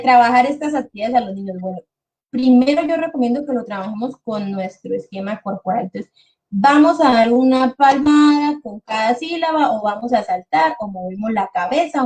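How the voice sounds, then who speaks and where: A woman speech therapist presenting a webinar to parents and teachers, explaining patiently and slowing down to model words the way she would for children. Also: high-pitched, a little mellow.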